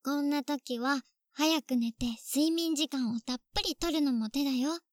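A woman's voice: high-pitched, normal speed, no echo, studio quality, natural voice. A woman voicing a clingy, possessive younger sister on a phone call, sweet at first and coldly jealous underneath. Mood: sweet doting. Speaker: voice actress in phone-call role-play. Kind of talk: phone-call role-play drama.

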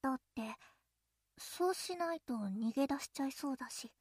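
Playing the listener's possessive childhood friend, a young and clingy girl, a woman speaks in a high, expressive voice at normal speed. The teasing is coy and playful but carries a soft menace, and the recording is dry and studio quality.

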